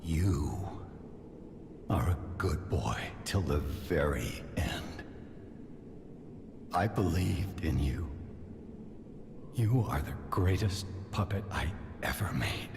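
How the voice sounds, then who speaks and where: A sinister, doting old puppet maker murmurs in a low, breathy hush in this game cutscene. His pitch swings widely while he drags each word out. A long hall reverb and a clear ambient wash surround him. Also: expressive, slow, long pauses, music in the background, exaggerated voice. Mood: eerily tender. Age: older. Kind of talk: video game cutscene dialogue.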